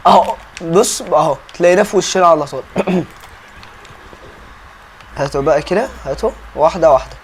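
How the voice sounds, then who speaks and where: A young man with an Egyptian Arabic accent rattles off casual gameplay commentary at a quick clip, his voice sitting a little high. He talks chattily and keeps turning to address his viewers. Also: slight background noise. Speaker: gaming YouTuber.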